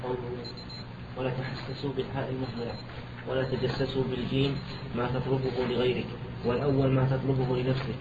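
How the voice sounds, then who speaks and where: A man reads a commentary passage quickly and in a flat, even tone. His voice echoes around a large room. The old tape is dull and has a clear hiss. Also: mid-range voice. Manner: flat rapid reading, short confirmations. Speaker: student reading commentary aloud. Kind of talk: quick reading of a commentary text.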